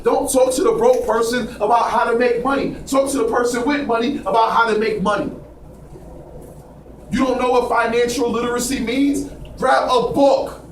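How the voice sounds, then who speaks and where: High-voiced man preaching bluntly to a room. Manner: preachy, profane, asks the room for agreement. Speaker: speaker addressing a group. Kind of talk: blunt motivational talk. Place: indoor room with a small audience. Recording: echoey noisy room from far off.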